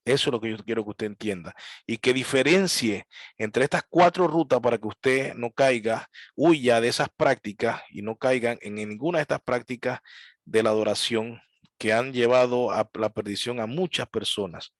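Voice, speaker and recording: A man teaching a church class on worship, telling stories with lively asides and mimicking piano sounds and preachers. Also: mid-range voice, moderate pace, no echo. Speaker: Bible teacher.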